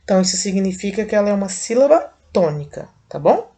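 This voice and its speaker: A Brazilian woman teacher with a Brazilian Portuguese accent, slowly and patiently explaining a lesson step by step to young children. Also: mid-range voice, very animated, warm tone. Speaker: primary school teacher. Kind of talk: recorded video lesson for children.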